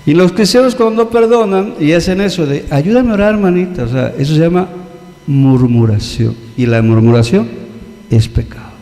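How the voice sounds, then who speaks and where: A Mexican man preaching in a casual, animated way, slipping into the voices of the people in his stories. His voice sits a little high yet sounds mellow. The sound rings with a long reverb from a church hall. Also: moderate pace. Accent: Mexican Spanish. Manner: animated, acts out quoted voices, conversational. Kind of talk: sermon.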